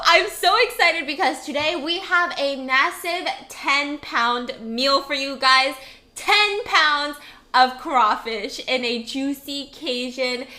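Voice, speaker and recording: A woman's voice: high voice, sharp tone. A young woman hosting a chatty eating vlog, bubbly and giggly, with casual swearing. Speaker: mukbang vlogger.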